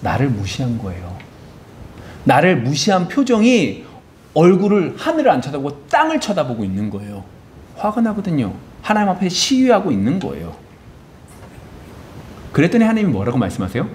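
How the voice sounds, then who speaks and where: Lively, expressive male pastor preaching. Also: a little high, moderate pace, long pauses, slight background noise. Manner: animated, asks the congregation rhetorical questions; acts out biblical characters in quoted voices. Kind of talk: sermon. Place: church sanctuary.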